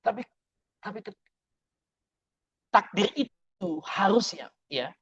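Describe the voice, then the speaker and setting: A man's voice: high-pitched, animated, slow, a bit bright, husky, lo-fi sound. A man preaching a sermon, telling stories with energy and acting out prayers and dialogue.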